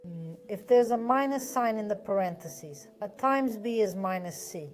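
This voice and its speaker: A woman with a medium-pitched voice and lively intonation teaches a math lesson step by step at a moderate pace. She is patient and methodical, often asking a question and then answering it herself. Soft music plays in the background.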